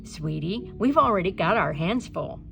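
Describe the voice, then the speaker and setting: A woman's voice: lowish voice, animated, moderate pace, gravelly, fairly bright tone, faint music behind, exaggerated voice. A woman voicing an exasperated, worried mother in a read-aloud storybook, emphatic and protesting. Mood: weary, reasoning.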